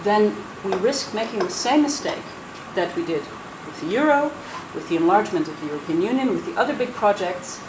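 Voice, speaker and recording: A panelist at a roundtable, she speaks a little fast at medium pitch, with lively intonation and few pauses. She's from the Netherlands but raised in the US, sounding American, earnest and persuasive with frequent restarts; echo and noise surround her.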